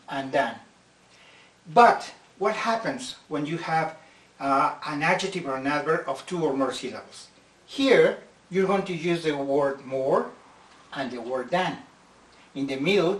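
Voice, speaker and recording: English teacher, roomy distant sound. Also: male voice, fairly high pitch. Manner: slow, careful explanations, stretching out example words. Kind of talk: slide-based grammar lesson.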